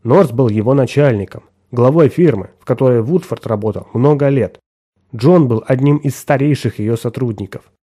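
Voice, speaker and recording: A man narrating a scripted story in a steady, dramatic manner. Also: medium pitch, moderate pace, breathy edge.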